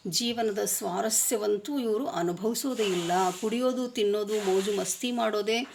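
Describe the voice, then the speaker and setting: A woman's voice: medium pitch, moderate pace, vocal fry, a little hiss or hum. A woman telling moral stories in an earnest, emphatic way. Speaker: moral storyteller. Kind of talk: moralizing storytelling talk.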